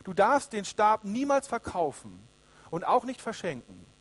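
A man voicing an old dying king who is weary and regretful, speaking low and quietly. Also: huge pitch swings, a little slow, exaggerated voice. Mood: gracious. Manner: low, quiet, sorrowful delivery.

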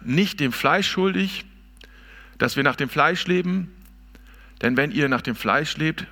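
Man preaching in a big echoey church hall, bright voice, emphatic, talks right at the congregation. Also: a little high. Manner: emphatic and expressive, speaks directly to the listeners. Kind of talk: sermon. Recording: long reverb of a large hall.

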